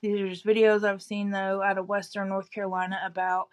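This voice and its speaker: A woman from East Tennessee speaks with that region's accent in a casual, conversational update. She sounds like a local passing along news, halting at times as she backtracks and adds qualifications. Her pitch sits in an average range for a woman. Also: flat delivery. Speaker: local resident giving an update.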